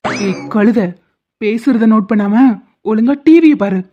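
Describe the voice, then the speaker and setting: A woman's voice: on the high side, unhurried, mellow. Woman voicing a protective young boyfriend. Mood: teasing. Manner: teasing, reassuring, brusque. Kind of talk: cartoon drama dubbing. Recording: dull lo-fi audio.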